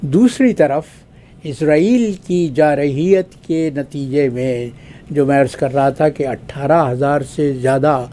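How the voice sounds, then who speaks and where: An older man from Pakistan speaks as a guest analyst with a slightly high yet mellow voice. His talk is measured and formal, with long pauses and drawn-out fillers between his points. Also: a little hiss or hum. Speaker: guest analyst, retired diplomat. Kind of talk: formal spoken commentary.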